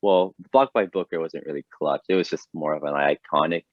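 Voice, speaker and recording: A young man co-hosting a casual podcast, with a very low, deep voice that gets excitable and breaks into laughter. He rambles and restarts his sentences. The sound is dry and dull, like a lo-fi recording. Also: brisk, no echo. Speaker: podcast co-host. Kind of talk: casual chat.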